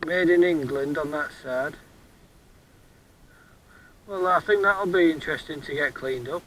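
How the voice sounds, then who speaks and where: A man with a somewhat raised voice talks about his metal detecting finds outdoors on a beach in a loose, unscripted way, at a measured pace. Looking over the items, he muses, hesitates, and often says a word twice before continuing. The rough recording has a little hiss or hum.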